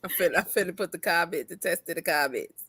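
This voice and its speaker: A woman's voice: lowish voice, fast, a bit bright, breathy edge, no room sound. A woman co-hosting a casual chat show, a mother who is playful and laughs often. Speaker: co-host.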